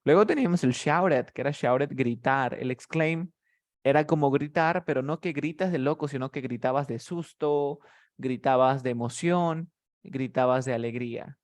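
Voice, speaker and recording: A man's voice: mid-range voice, normal speed. A man teaching English vocabulary in a tutoring session, explaining words patiently step by step.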